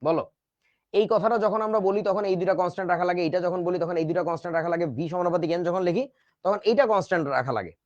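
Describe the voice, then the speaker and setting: A man's voice: high voice, rapid-fire, a little mellow, no room sound, dull audio. A man teaching a chemistry class in a casual, joking way, with speech. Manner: chatty, joking asides to students. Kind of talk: casual online class lecture.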